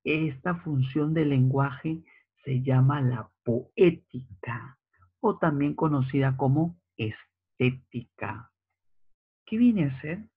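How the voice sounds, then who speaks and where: A male teacher giving a slide lecture, slowly repeating key phrases and asking rhetorical checks. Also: mid-range voice, lively intonation, husky. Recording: tinny phone-like audio.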